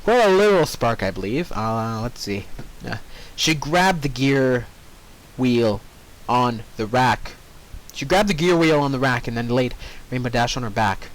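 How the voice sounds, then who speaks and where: A man reads fan fiction aloud in an animated, mid-range voice at a slightly slow pace, often drifting off into casual, jokey ad-libbed asides. The recording quality is low.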